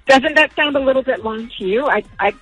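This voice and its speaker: On a phone call, a woman in her thirties, a parent who is actually being pranked, chats casually but keeps asking questions. Her voice is high, husky and fairly bright, and she speaks briskly.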